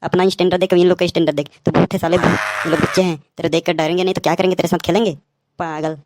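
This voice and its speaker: Fast mocking comic commentator man. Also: high-pitched, level tone, darkish tone. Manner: mocking, roasting. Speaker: channel host and commentator.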